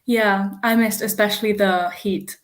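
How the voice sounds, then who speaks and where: A young woman in her late teens answers interview questions with a medium-pitched voice. She sounds modest and easygoing, with a relaxed, friendly way of talking. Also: unhurried. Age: young adult. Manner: modest, easygoing, laughs lightly. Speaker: guest singer-songwriter.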